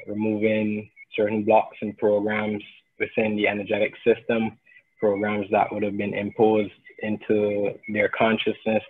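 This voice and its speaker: A man's voice: fairly low pitch, breathy edge. A man from Barbados introducing himself as an energy healer on a video call, hesitant with many fillers and restarts. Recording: tinny phone-like line.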